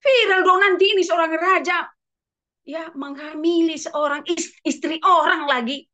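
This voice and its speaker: A woman's voice: sits high, fairly even intonation, unhurried, bright, forceful tone. A woman preacher voicing a guilty male king who panics about being found out, in a dull lo-fi recording. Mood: panicked. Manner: frantic exclaiming.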